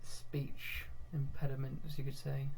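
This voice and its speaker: A young man commentating live on his own football management game, getting excitable when goals come and laughing at himself. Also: mid-range voice, slow pace, creaky, slight background noise. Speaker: gaming video host.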